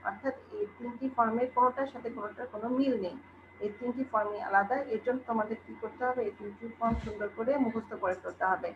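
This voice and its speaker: A Bangladeshi woman teacher in an online class, slowly reciting English verb forms one by one and patiently explaining them to her pupils. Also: fairly high pitch, steady tone. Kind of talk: recorded online class lesson. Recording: dull lo-fi recording with faint noise.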